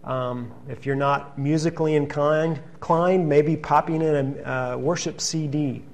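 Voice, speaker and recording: A man preaching a sermon, reading scripture passages in an earnest, steady teaching manner. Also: on the high side, normal speed, gravelly.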